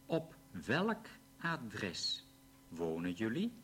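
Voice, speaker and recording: A man slowly reading short example sentences for a language lesson, pronouncing each one clearly. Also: on the low side, huge pitch swings, fairly bright tone, slight background noise. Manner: slow, carefully pronounced sentences. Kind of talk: slow read-aloud language drill.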